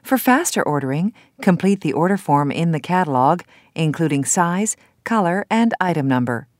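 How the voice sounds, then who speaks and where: A woman playing a phone menu announcer, reading scripted options in a measured, instructional manner. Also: on the low side, animated, dry recording, studio quality, lightly acted.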